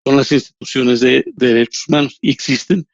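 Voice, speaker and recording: A man answers interview questions slowly and carefully, restarting often; he is a human rights lawyer and professor whose first language isn't Spanish. He keeps a steady tone in a mid-range voice, recorded dry with lo-fi sound.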